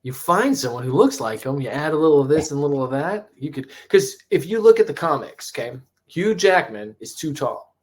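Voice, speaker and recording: A man co-hosting a casual podcast, telling stories in a rambling, animated way with many restarts. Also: on the high side, fairly quick. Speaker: podcast co-host. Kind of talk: casual chat.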